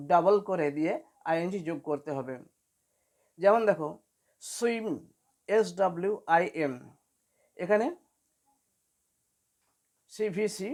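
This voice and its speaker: A woman's voice: fairly low pitch, darkish tone. A woman teaching an English spelling lesson for beginners, patiently spelling words out letter by letter.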